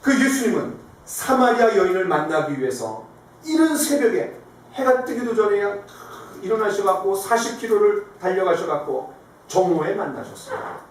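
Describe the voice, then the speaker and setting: A man's voice: sits high, normal speed. A man preaching a sermon as pastor, telling stories animatedly and asking the congregation questions. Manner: animated storytelling, acting out quoted lines. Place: church sanctuary. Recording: echoey hall, distant mic, faint noise.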